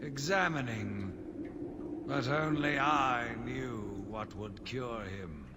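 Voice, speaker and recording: A man whose medium-pitched voice is close to an everyday one acts out a villain narrator in a dramatic video-game audio journal, playing a sinister, self-righteous zealot obsessed with punishing monsters. His mood is obsessive and full of loathing, his delivery theatrical, deliberate and brooding with dramatic emphasis. The sound carries cavernous long reverb and clearly noisy background ambience.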